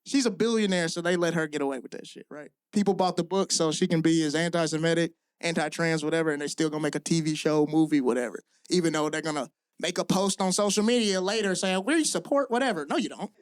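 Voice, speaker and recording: A man from the American South performing live stand-up comedy on a club stage, loose and profane, rising to shouts on punchlines. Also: a little high, fairly even intonation, quick pace, few pauses, clean tone.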